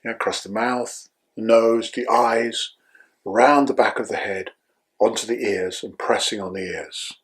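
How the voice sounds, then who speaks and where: Older man, husky, calm breath guide. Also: lowish voice. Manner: calm, slow guiding with checking "yeah?". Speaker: breathwork teacher.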